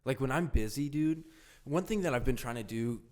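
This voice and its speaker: A man's voice: mid-range voice, lively intonation, normal speed, a little mellow. A young man co-hosting a podcast in casual chat, rambling with lots of fillers like "dude" and "you know what I mean". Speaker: podcast co-host.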